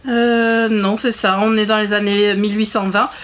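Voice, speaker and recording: A woman's voice: medium pitch, level tone, normal speed. A woman book vlogger chatting casually to her viewers, talkative, with frequent fillers and self-corrections. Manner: chatty, full of fillers and restarts. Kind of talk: casual chat to camera.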